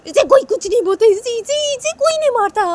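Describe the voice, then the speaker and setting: A woman's voice: medium pitch, lively intonation, fairly quick, no echo, close to an everyday voice. A woman voicing a petulant young partner who complains and repeats herself in a storybook tale. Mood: self-pitying. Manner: whining, complaining, repetitive. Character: hurt young partner, petulant and self-pitying.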